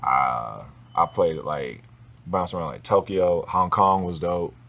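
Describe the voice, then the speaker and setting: A man talking as a guest in a relaxed, casual conversation, slangy and swearing freely. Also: sits low, slow. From Los Angeles area.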